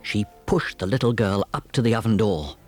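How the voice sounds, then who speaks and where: A man narrating a children's fairy tale on a storybook cassette with an expressive, dramatic delivery. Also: lowish voice, moderate pace, faint music behind.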